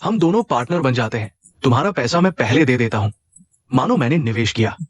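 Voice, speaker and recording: A man's voice: mid-range voice, animated, fairly quick, no echo, studio quality, lightly acted. A man dubbing a fatherly, persuasive middle-aged shopkeeper in a drama. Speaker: uncle figure and business partner. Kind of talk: dubbed drama acting.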